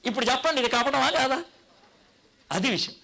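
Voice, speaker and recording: A man's voice: very high-pitched, fairly quick, creaky. A man preaching a sermon, telling stories and acting out the people in them. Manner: animated storytelling, acts out quoted voices. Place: church gathering.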